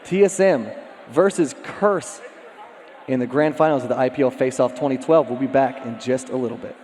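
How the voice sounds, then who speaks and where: A man calling a live esports match with excited, shouted play-by-play, his voice getting worn from a long weekend. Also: mid-range voice, normal speed, low-quality recording. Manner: excited shouting play-by-play that drops to calmer wrap-up chat. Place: live tournament auditorium. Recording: event music loud behind.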